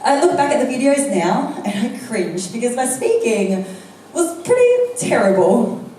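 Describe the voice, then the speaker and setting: Very animated and warm in tone, with a fairly high pitch, an Australian speaking coach who first spoke Vietnamese jokes on stage for a live audience. Her punchy jokes come with deliberate pauses. A distant mic in an echoey room picks her up along with slight background noise.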